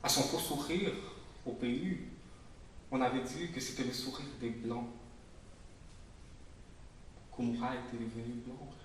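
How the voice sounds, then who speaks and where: A man, the author, reading his own prose aloud in a measured, subdued way. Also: steady tone. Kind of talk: literary reading. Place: public reading in a literary venue. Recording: very echoey room, voice from far off, faint rumble.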